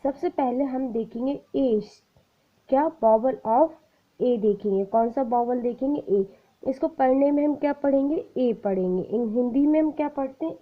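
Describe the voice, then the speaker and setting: A young woman teaching a shorthand class, asking the viewer questions and answering them herself. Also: fairly high pitch. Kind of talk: casual online lesson. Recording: tinny phone-like sound.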